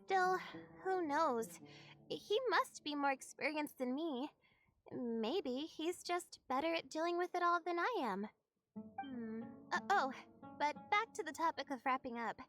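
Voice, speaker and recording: A woman's voice: high voice, animated, unhurried, a bit bright, faint music behind. A woman voicing a thoughtful young woman in a game, speaking in a reflective, musing way.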